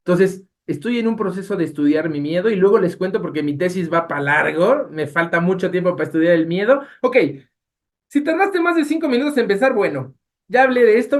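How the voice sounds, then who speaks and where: A man with a Mexican accent teaching a Bible study class, talking in an animated way and asking his listeners rhetorical questions. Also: sits high. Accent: Mexican Spanish.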